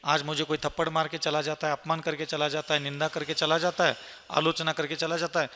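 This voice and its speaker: Bright-voiced monk preaching in a hall. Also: male voice, on the high side, level tone, a little fast. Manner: earnest, emphatic preaching with lists and rhetorical questions. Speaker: Jain monk giving a Q&A discourse. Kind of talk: sermon answering questions. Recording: long hall reverb.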